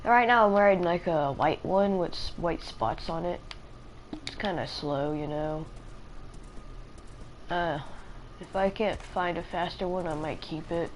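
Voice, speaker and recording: A woman's voice: lowish voice, unhurried, long pauses, slight background noise, rough recording. A sleepy, tired woman rambling hesitantly in casual chat as a live streamer, with many fillers.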